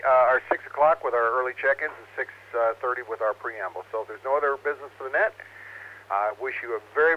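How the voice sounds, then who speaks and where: A man's voice: medium pitch, slight background noise. A man casually hosting an amateur radio net as its controller, heard over radio. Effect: two-way radio. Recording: dull, lo-fi radio audio.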